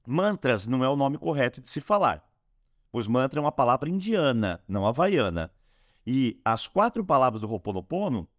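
A man hosting a calm instructional talk on a spiritual technique, slowing down when he speaks mantras. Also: mid-range voice, no room sound, studio quality. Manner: lively, rising and falling delivery, slowing on mantras. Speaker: host teaching a spiritual technique.

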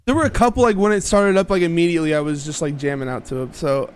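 A man's voice: a little high, fairly even intonation, fast talker, clean tone. A man hosting a podcast, chatting casually about an album with many fillers and easy laughs. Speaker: podcast host. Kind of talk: casual interview chat.

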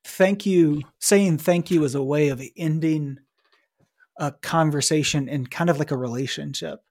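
A man's voice: a little high, unhurried, a little mellow. A man co-hosting a casual podcast, chatting and reading scripture aloud with emphasis. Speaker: podcast co-host. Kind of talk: casual lectionary podcast chat.

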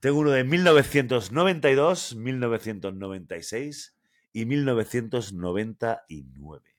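A man's voice: mid-range voice, expressive, moderate pace. A man with a Spanish accent from Spain, co-hosting a casual podcast and running a playful quiz, reading ad copy aloud.

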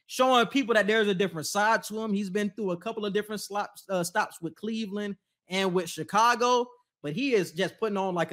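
Male co-host with a high voice, relaxed and slangy, casual sports talk. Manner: laid-back, laughs often, slangy. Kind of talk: casual basketball chat.

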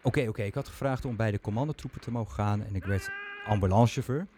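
A man's voice: fairly low pitch, quick pace, a little mellow, a little hiss or hum. A man hosting a podcast, talking chattily with self-mocking humor into a microphone. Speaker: podcast host. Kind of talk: casual podcast talk.

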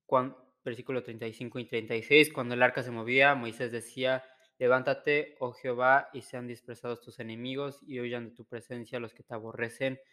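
A man's voice: mid-range voice, flat delivery, brisk, bright, forceful tone. Earnest man reading scripture. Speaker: co-host and preacher. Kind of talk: casual chat and Bible reading.

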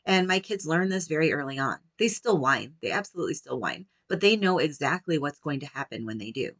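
A woman, likely in her thirties, giving a gentle, measured talk that teaches parents how to calm young children. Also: deep voice, no room sound.

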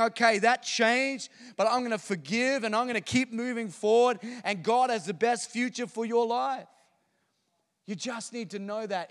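High-voiced pastor in a hall. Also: male voice. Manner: swings between loud animated outbursts and quiet earnest talk. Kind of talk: sermon. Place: large church hall.

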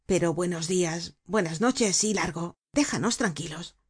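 A woman's voice: fairly low pitch, unhurried, slightly rough. A woman voicing a curt, scheming bandit chief. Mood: dismissive. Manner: curt, dismissive. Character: gruff scheming male bandit leader.

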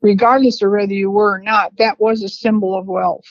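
A woman in her seventies telling family memories in a rambling, unhurried way with laughs between stories. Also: mid-range voice, steady tone, dry recording. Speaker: interviewee, family matriarch. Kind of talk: reminiscing conversation. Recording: dry, slightly dull lo-fi sound.

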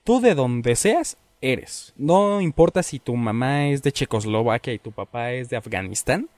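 A man's voice: mid-range voice, lively intonation, a little slow, darkish tone, no room sound. A man in casual chat, arguing his points emphatically and repeating them. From Mexico.

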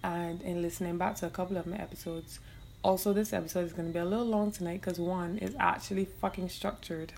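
Young Bajan woman, podcast host, low gravelly voice, loose and profane with easy laughs, faint room noise behind. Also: a little mellow. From Barbados. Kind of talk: casual solo podcast chat.

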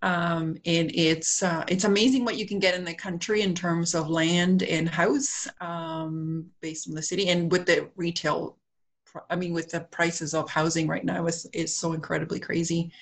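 A woman's voice: lowish voice, flat delivery, moderate pace. A middle-aged woman from Peru, a centre co-owner, talking casually as a podcast guest with many fillers. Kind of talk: casual interview talk.

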